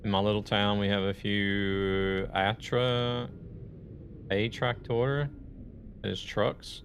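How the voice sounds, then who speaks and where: A man live-streams a truck game, chatting with viewers in a rambling, conversational way and greeting them as he plays. His lowish voice is level and slow, with a little hiss or hum in the audio.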